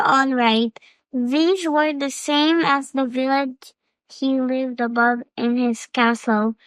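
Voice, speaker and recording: A woman reading a children's fable aloud as storyteller, slow and expressive. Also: sits high, no echo.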